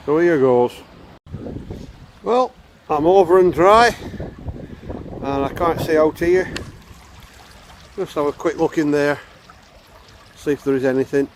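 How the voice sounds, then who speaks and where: A man's voice: on the high side, fairly even intonation, moderate pace, long pauses. A man with a Northern English accent giving casual outdoor vlog commentary, raising his voice over the wind. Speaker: vlogger. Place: outdoors by a river. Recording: windy outdoor recording, loud wind noise. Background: wind noise.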